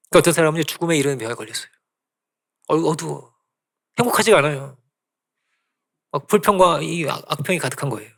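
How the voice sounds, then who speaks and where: A middle-aged man preaching a sermon as pastor, animated, often checking in with the congregation and acting out quoted voices. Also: on the high side, vocal fry. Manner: animated preaching with frequent tag questions to the congregation. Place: church sanctuary.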